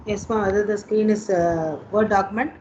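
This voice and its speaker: A woman's voice: medium pitch, steady tone, normal speed, a little mellow. Indian woman lecturer on a dull, lo-fi call. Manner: repetitive, instructive, checking in with students. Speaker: engineering lecturer. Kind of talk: online exam coaching lesson. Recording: dull lo-fi online call with noise.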